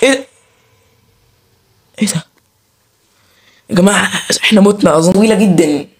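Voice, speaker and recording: A man's voice: high voice, moderate pace, breathy edge. A man with an Egyptian accent hosting a let's play, chattering nervously to viewers and pleading with the game character. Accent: Egyptian Arabic. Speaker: gaming channel host.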